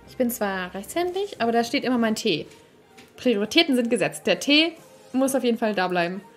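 Over soft background music, a young female streamer gushes through an excited unboxing chat at her desk microphone, speaking casually. Her somewhat high voice is sing-song and brisk, and she keeps laughing and squealing, overwhelmed and giddy.

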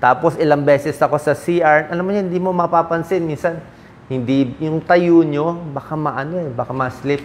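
A man's voice: fairly high pitch, moderate pace, a little hiss or hum. A middle-aged man from the Philippines, a doctor giving health advice in a casual, conversational talk. He slips English medical terms into his speech and keeps checking in with short tag questions.

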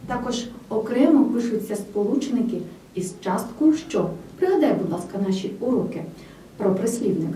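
A woman giving a scripted grammar lesson, speaking clearly and with emphasis straight to the student. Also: on the high side, expressive, moderate pace, warm tone. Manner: clear, emphatic teacher's delivery addressing the student directly. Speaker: language teacher. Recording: roomy, slightly distant with faint noise.

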